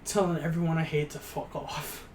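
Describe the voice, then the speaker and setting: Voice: medium pitch, little pitch movement, moderate pace, darkish tone, slight background noise. Blunt co-host in an echoey room. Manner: blunt, joking, swears freely. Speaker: podcast co-host. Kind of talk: casual chat.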